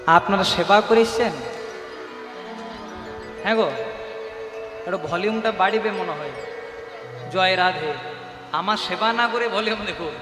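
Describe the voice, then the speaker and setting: A male kirtan singer addressing a devotional gathering, an animated, coaxing storyteller speaking through a handheld microphone. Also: high voice, a little slow, long pauses. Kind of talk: devotional talk and call-and-response kirtan. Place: live devotional gathering in a reverberant hall. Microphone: handheld stage microphone. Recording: echoey live hall with music.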